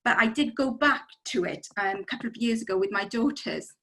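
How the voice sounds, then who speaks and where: A woman's voice: on the high side, expressive, a little fast, creaky, pushed and bright, poor audio. A middle-aged woman from Bangladesh, a city councillor, speaking on a video call panel in a rambling way full of ums and you-knows. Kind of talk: panel discussion.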